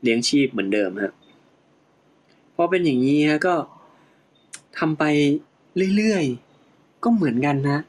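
A man retelling a Buddhist scripture story in relaxed conversation, acting out its moments. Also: fairly high pitch, measured pace, pauses often, rough recording. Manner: animated, acts out the story's moments with laughter.

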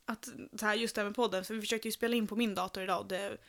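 A woman co-hosting a podcast, chatting casually and acting out the quotes in her stories. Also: medium pitch. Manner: animated storyteller, acts out quotes. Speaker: podcast co-host.

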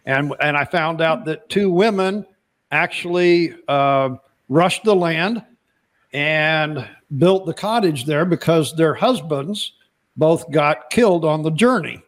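A podcast host speaks slowly in a slightly high voice during a casual interview chat. His talk is loose and rambling, and he often repeats words as he begins a sentence.

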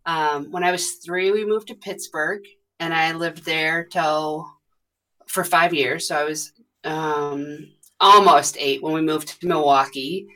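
A woman in her thirties from the US Midwest, a podcast guest chatting casually and rambling with many pauses. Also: sits low, fairly even intonation, sharp tone. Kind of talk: casual conversation.

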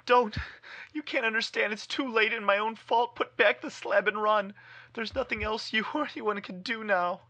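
Guy putting on a panicked trapped man, high frantic cries, bright edge. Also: moderate pace, exaggerated voice. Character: terrified man trapped in a crypt, pleading.

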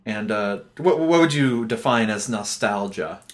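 A man's voice: fairly low pitch, animated, measured pace. A young man hosting a podcast, talking casually in a rambling, joking way. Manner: rambling, jokey, full of fillers and restarts. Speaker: podcast host. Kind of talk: casual chat.

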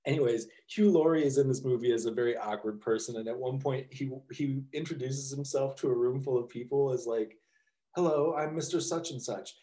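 Another co-host, mellow and mid-range with fairly even intonation, talks about the movie fairly quickly with few pauses. He rambles, laughs a lot and swears casually, and the podcast is recorded in an echoey room.

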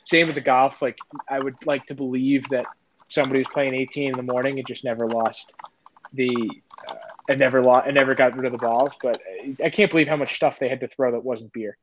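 Heard through dull, lo-fi audio with faint noise, a man co-hosts a casual sports podcast. His medium-pitched voice is fairly even and a little fast, and he hesitates often, restarting and filling pauses.

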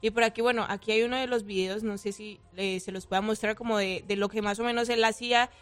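A woman co-hosting a radio program who tells news items in casual chat. She talks hesitantly, with frequent pauses and restarts, at a middling pitch. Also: steady tone. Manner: hesitant, many fillers and restarts. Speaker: radio co-host presenting news.

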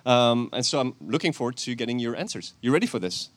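A guest preacher from France, a church elder who is also a chemist, delivers a lively, chatty sermon at an outdoor church service while planes pass overhead. His mid-range voice is animated; he laughs often, corrects himself quickly, and puts questions to the congregation.

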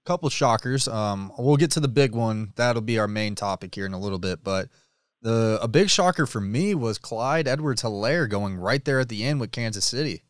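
A man's voice: mid-range voice, expressive, normal speed, no room sound, studio quality. A laid-back man co-hosting a casual sports talk show, agreeable and informative.

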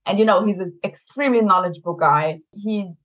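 Medium-pitched and fairly quick, this young Brazilian marketing executive speaks with a German accent as a lively, chatty interview guest who laughs a lot.

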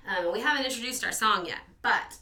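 A young woman from Virginia, co-hosting a casual podcast, chatty and quick to laugh at herself. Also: on the high side, expressive, sharp tone. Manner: chatty, laughing, self-deprecating. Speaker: podcast co-host. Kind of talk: casual chat.

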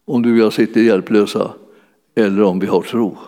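A man's voice: fairly low pitch, steady tone, warm tone. Man, preacher, sermon, casual fillers, long hall reverb. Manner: conversational, searching for words with many fillers. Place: church hall.

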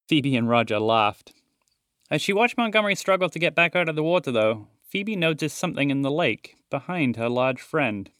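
Man calmly narrating a storybook. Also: mid-range voice, no echo, studio quality.

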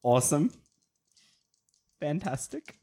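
A man playing a tabletop role-playing game, describing his moves casually and haltingly, in fragments. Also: on the high side, sing-song, background noise. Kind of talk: casual improvised game play.

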